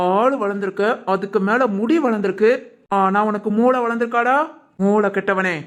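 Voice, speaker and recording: A performer voicing a protective young male hero with a southern Tamil Nadu accent in an animated family drama, scolding firmly. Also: medium pitch, normal speed, close to an everyday voice. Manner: firm, scolding, then gentle and reassuring.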